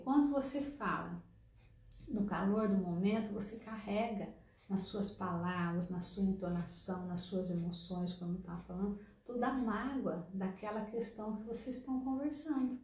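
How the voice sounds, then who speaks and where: A woman's voice: a little high, a little mellow, echoey room, low-quality recording. A woman with a Brazilian Portuguese accent giving relationship advice in a conversational way, often ending her points with a questioning tag. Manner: conversational, frequent "né?" tags. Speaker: relationship coach. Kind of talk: advice talk to camera.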